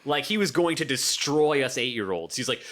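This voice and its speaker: A man's voice: medium pitch, moderate pace. A young man co-hosting a podcast, telling a story in casual chat, swearing and acting out the other people in it. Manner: animated, swearing, acts out voices in stories. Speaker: podcast co-host.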